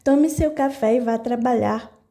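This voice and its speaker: A woman's voice: on the high side, a little slow, dark tone. A woman voicing a blunt, curt old female cook on a farm in an audiobook.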